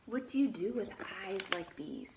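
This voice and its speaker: A woman reads aloud from a children's picture book with plenty of expression, stopping for casual asides and questions aimed at her young listeners. Her mid-range voice has lively intonation, and the recording is very noisy.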